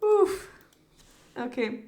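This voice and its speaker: A woman streaming a game live, talking to her chat and shrieking with excitement at tense moments. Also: drawn-out words. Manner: talks to chat as "darlings".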